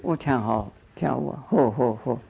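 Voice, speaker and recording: Gravelly older man giving a Buddhist sermon. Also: medium pitch, a little slow, a little hiss or hum. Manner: coaxing, repeats phrases, asks the audience questions. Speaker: Buddhist monk teacher. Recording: dull lo-fi recording.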